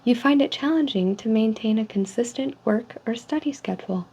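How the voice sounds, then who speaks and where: Soft-spoken woman, mellow customer service voice. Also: on the high side. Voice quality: soft, hushed. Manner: polite, measured customer service manner. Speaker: ASMR role-player as call center agent giving a personality survey. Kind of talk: soft-spoken ASMR role-play, reading survey statements. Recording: dull lo-fi sound with faint noise.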